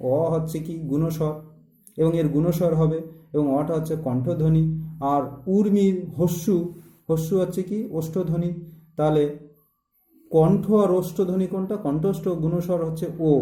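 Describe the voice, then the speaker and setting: Guy teaching grammar, very dark mellow voice, bit high, echoey room. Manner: asks questions and answers them himself. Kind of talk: grammar lesson.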